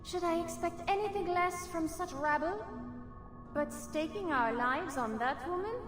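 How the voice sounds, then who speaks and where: A woman's voice: very high-pitched, measured pace. An actress playing a scornful, haughty disembodied spirit that scolds from inside a woman's head in theatrical game style. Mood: bitter contempt. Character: scornful disembodied female voice haunting a woman's body. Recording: echoing long reverb, music behind.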